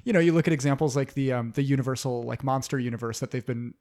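A man with a mid-range voice in casual podcast chat. He shares opinions in a joking, animated way. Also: medium pitch, fast.

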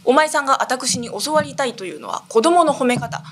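A woman's voice: high-pitched, brisk, background noise. A woman doing a knowing old retired man. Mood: instructive. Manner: calm instructive tone.

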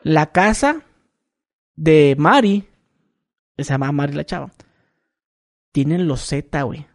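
A man's voice: a little high, lively intonation, takes it slowly. A man in his thirties with a Mexican accent, telling a rambling story on a casual podcast and repeating his words. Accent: Mexican Spanish. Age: 30s. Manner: rambling, repeats words, acts out quoted voices. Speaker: podcast co-host.

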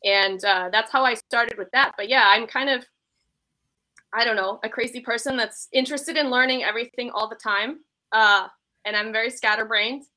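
A woman's voice: a little high, fairly even intonation, moderate pace, bright, forceful tone, low-quality recording. A woman in her thirties from Iceland, chatting casually as a podcast guest in a chatty, self-deprecating way. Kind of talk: casual interview chat.

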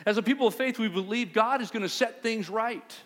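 A man preaching a sermon as pastor, telling a story in a conversational, animated way. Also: sits high, brisk, in a large hall.

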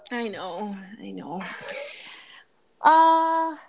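A woman from Canada co-hosting a podcast in casual chat, bubbly and self-mocking with quick asides. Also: a little high, sing-song, gravelly, lo-fi sound, a crowd in the background. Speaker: podcast co-host.

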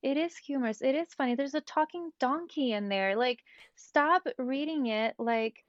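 A woman chatting casually about faith as a podcast guest, animated and rambling with many fillers. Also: high-pitched, moderate pace, no room sound, lo-fi sound.

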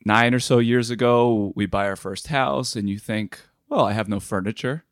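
A man's voice: lowish voice, moderate pace, dry recording. A man who is a woodworker, a guest on a podcast, telling stories with dry, wry humor. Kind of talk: casual interview chat.

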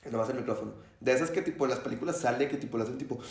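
A man's voice: mid-range voice, rapid-fire, vocal fry, echoey room. A young man, a student, telling a story in casual chat and acting out the quotes. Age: young adult. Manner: animated storyteller, acts out shouts and quotes.

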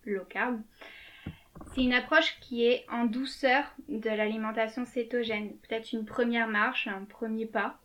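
A woman's voice: a little high, steady tone, a little slow, a bit bright, highs cut off. A woman co-hosting a podcast, explaining things casually with frequent hesitations. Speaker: podcast co-host.

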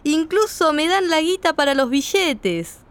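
A woman's voice: sits high, animated, unhurried. A woman playing a sing-song young Argentine woman. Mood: pleased. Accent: Argentine Spanish. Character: young Argentine woman sharing good news. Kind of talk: scripted dialogue for a language lesson.

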